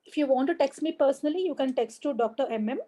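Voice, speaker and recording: Speaking quickly in a high, mellow voice, this online exam coach with an Indian English accent leads a live video-call lesson. She welcomes students by name, repeats the main points, and keeps things encouraging, all captured on a laptop or headset microphone.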